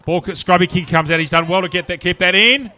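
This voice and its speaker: A man with an Australian accent giving live play-by-play of an Australian rules football match in short, clipped, animated phrases. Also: sits high, fast talker. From Australia, regional New South Wales. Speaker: sports commentator. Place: outdoor commentary box at a suburban football oval.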